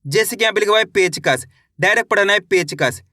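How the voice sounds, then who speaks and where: A man's voice: sits high, animated, fast talker, sharp tone, dry recording, clean studio sound. A man teaching a reading lesson, sounding out each word one syllable at a time and then blending it, in a patient and encouraging way.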